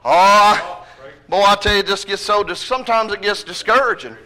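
High-voiced Southern preacher man with a drawl. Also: brisk, bright, forceful tone, low-quality recording. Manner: folksy Southern drawl, exhorting with repeated phrases. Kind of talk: impassioned revivalist sermon.

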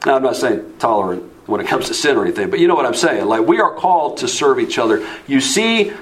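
A man's voice: mid-range voice, big pitch swings, fast talker. A man preaching a sermon as pastor, conversational, with asides and acted-out quotes.

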